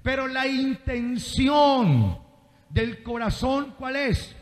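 A man's voice: extremely high pitch, expressive, extremely slow. A man preaching a sermon, constantly quizzing the congregation with call-and-response questions. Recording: reverberant hall.

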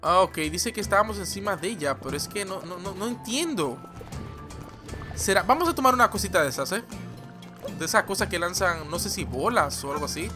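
A man giving excitable, rambling let's-play commentary as a gaming channel host, yelling at the game as he plays. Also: sits high, brisk. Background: game music.

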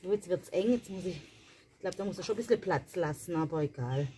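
Animated and fairly quick, a mother with a lowish, mellow voice addresses her viewers directly while planting at night. It's a chatty, casual family vlog with slight background noise.

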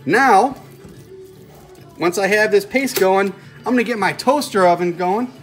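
A man's voice: high voice, measured pace, soft background music. Man demonstrating home cooking. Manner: folksy, step-by-step explaining while stirring. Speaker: home cooking show host. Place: home kitchen indoors.

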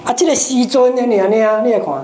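A Buddhist dharma teacher giving a lively lecture, often turning to the audience with rhetorical questions. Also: medium pitch, fairly quick. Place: lecture hall of a Buddhist society. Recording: roomy hall with faint noise.

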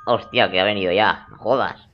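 A man's voice: on the low side, fairly quick, lo-fi sound, soft background music. A young man giving joking, crude gameplay commentary in a teasing, playful way. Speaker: let's play gamer.

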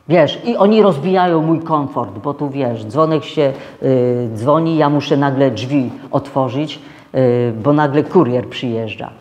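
A man preaching a conversational sermon as pastor, speaking straight to his congregation and acting out the voices he quotes. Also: big-room sound. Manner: acts out quoted voices higher and louder. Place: church hall.

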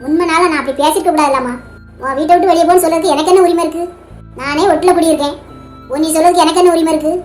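A woman's voice: extremely high pitch, fairly even intonation, rapid-fire, a little mellow, soft background music. A woman voicing an affectionate, teasing old grandmother in a cartoon, with a Tamil Nadu accent. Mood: tearful. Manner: teasing, then tearfully apologetic. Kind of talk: cartoon voice acting.

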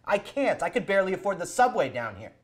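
A man's voice: high voice, big pitch swings, fast. An actor in his thirties playing Richard, a broke, anxious cousin who stammers and pleads, recorded indoors in a house. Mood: pleading. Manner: hesitant, stammering, then pleading. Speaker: actor in a short film. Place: house basement and kitchen, indoors.

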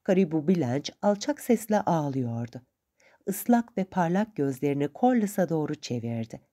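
A woman narrating a novel for an audiobook in a calm, measured storytelling manner. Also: low voice.

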